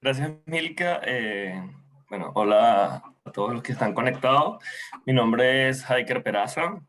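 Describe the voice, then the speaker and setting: A man talks as a panelist over a video call. His voice is bright and forceful, at an ordinary pitch for a man, and he stumbles through restarts and fillers as he goes. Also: animated. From Venezuela. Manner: halting, many restarts and fillers. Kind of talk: online talk.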